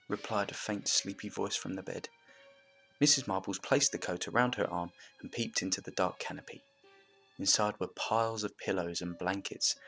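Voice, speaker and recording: A man reading a story aloud as narrator in a steady, even manner, with faint music behind. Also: low-pitched, gravelly.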